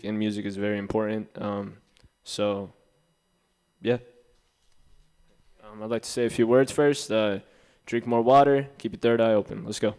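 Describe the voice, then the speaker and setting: Young male hip-hop artist, relaxed self-intro, deep monotone, clean tone. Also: smooth. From United States. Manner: laid-back, many fillers.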